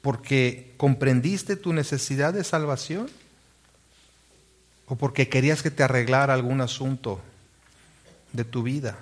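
A man's voice: medium pitch, measured pace, pauses often. Man preaching with rhetorical questions. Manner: reads scripture aloud. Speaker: pastor. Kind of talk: sermon.

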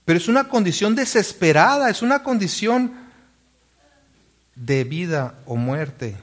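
A man's voice: high-pitched, sing-song, measured pace. Man preaching with rhetorical questions. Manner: reads scripture aloud. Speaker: pastor. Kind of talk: sermon.

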